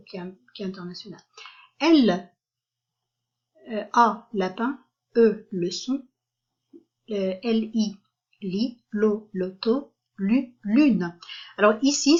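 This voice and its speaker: A woman giving an online French lesson, spelling out syllables slowly and carefully, with frequent hesitations. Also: on the high side, highs cut off. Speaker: French teacher.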